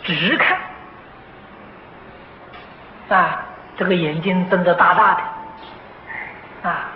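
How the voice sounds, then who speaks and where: An older man giving a slow, patient lecture on a Buddhist sutra, filling pauses with drawn-out "ah" sounds and clearing his throat now and then. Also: high voice. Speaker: Buddhist teacher. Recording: dull, roomy, noisy old tape of a lecture hall.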